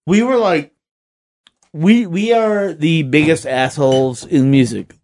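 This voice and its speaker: A man's voice: a little high, takes it slowly, darkish tone. A man co-hosting a podcast, chatting in a blunt, sweary way and repeatedly restarting his phrases. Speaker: podcast co-host. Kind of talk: casual storytelling chat.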